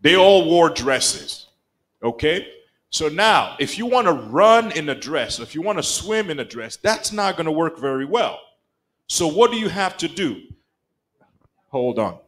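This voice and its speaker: A middle-aged Rwandan man whose first language is Kinyarwanda preaches in a mid-sized church sanctuary, his fairly high voice unhurried. He tells the story with animated flair, acting out quoted lines in lively voices. He's on a pulpit microphone and filmed by a distant camera.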